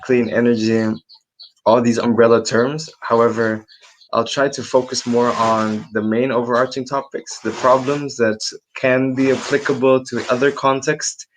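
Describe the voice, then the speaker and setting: An Indonesian research assistant gives a casual webinar talk over a computer mic, full of ums and restarts. His voice sits at a medium pitch with a flat delivery and moderate pace. The recording is rough, with slight background noise.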